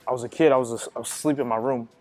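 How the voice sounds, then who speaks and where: A man's voice: mid-range voice, steady tone, very fast, darkish tone, faint music behind. A young man giving a casual youth sermon, rambling and packing his talk with filler words. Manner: rambling, heavy with "you know" fillers. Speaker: youth minister.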